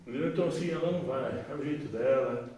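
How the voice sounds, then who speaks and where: A man's voice: mid-range voice, fast talker, slight background noise. Brazilian man, echoey far-off talk. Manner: colloquial, animated, acts out dialogue. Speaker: psychologist giving a talk. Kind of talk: informal recovery testimony talk. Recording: echoey room, far from mic.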